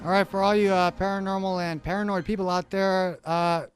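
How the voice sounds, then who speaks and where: A man hosting a late-night radio talk show, talking fast and with high energy. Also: flat delivery, faint music behind. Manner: fast, hyped delivery. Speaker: radio host. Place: radio studio.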